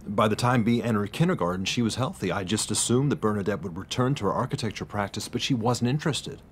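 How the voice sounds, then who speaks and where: An actor playing an earnest, worried middle-aged husband confiding in a doctor in a radio drama. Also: male voice, fairly low pitch, lively intonation, quick pace, a little hiss or hum, close to an everyday voice. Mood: troubled, confiding.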